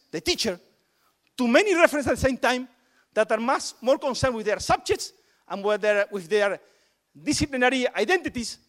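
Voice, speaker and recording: High-voiced man talking emphatically. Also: fairly bright tone. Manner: emphatic, repeats words for stress. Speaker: education policy speaker. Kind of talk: panel talk on inclusive curricula.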